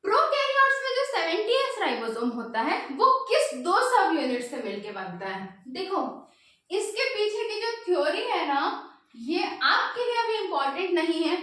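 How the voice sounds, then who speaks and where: A woman's voice: very high voice, a bit bright. A woman teaching biology for exam prep, asking questions and answering them herself. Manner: repeats "ठीक है" often. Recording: very echoey room.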